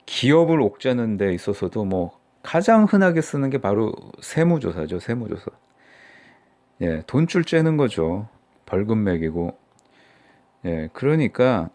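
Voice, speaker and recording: A middle-aged man from Seoul offers casual, mocking political commentary on his own YouTube channel, rambling and using lots of fillers. His voice is on the low side and a little mellow.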